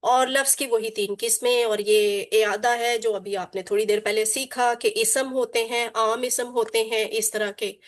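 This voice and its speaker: A woman teaches a Quran Arabic class online, drilling her students through repetition and call-and-response and mixing in English terms. Her voice is fairly high, with a steady tone at normal speed and few pauses.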